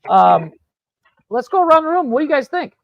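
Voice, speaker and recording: A man hosting a casual podcast, telling rambling, profane stories in an animated way. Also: very high-pitched, fairly quick, vocal fry, no room sound, muffled recording. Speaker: podcast host. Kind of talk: casual storytelling chat. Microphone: podcast studio mic.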